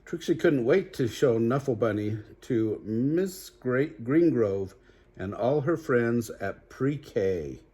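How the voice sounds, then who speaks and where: An older man reads a children's story aloud in a grandfatherly way, stopping now and then to ask young listeners chatty questions. His voice is medium-pitched, expressive, dark-toned and husky.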